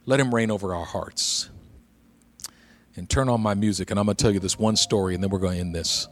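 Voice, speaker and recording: A man's voice: on the low side, brisk. A male pastor preaching a sermon, telling a humorous personal story in a conversational way and then building to urgent exhortation.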